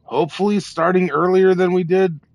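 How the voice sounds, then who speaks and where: Gravelly, drunk man rambling on stream. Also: high-pitched, steady tone, moderate pace, dry recording, lo-fi sound. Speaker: livestream gamer host. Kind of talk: casual live game stream chat.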